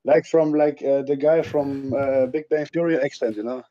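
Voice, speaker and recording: A man's voice: medium pitch, steady tone, moderate pace, dark tone. A man joining a stream voice chat, speaking in simple broken English and teasing playfully. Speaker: voice chat guest. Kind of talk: casual chat. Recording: dull lo-fi voice chat audio.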